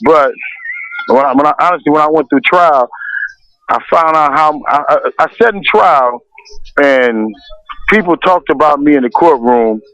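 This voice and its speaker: A man from Los Angeles, a music producer as guest, speaking candidly and unhurried with restarts. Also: on the high side, fairly bright tone, no room sound. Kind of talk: casual interview. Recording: dull lo-fi radio sound.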